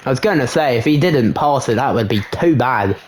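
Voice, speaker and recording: A young man casually commentating his own football video game match, chatty and self-mocking, getting excited at goals. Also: mid-range voice, a little fast, a little hiss or hum. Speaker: gaming channel host.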